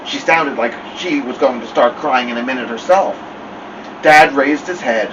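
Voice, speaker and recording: A man hosting a story time, reading a novel aloud in an animated way. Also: mid-range voice, moderate pace, highs cut off. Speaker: storytime host. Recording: distant mic, air-conditioner hum.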